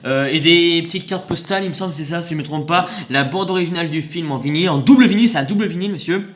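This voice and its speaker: A man's voice: fairly high pitch, racing. A man chatting casually while unboxing purchases, rambling and joking, repeating himself. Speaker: video host showing purchases. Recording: echoey room, faint noise.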